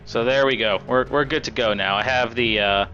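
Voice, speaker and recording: A man with a raspy voice giving casual, chatty live commentary on a game as an esports caster. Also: medium pitch, moderate pace, pushed and bright, muffled recording, faint music behind. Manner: casual, chatty play-by-play with fillers.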